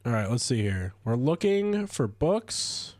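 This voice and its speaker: A man chatting casually while streaming a game, stuffy from a cold, rambling with lively swings in pitch. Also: slow, no room sound. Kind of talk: casual gameplay commentary.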